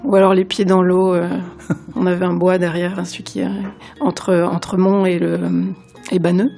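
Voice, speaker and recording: Interview guest, female, fry in the voice, casual short replies. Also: fairly low pitch, flat delivery, moderate pace, dark tone, faint music behind. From Belgium.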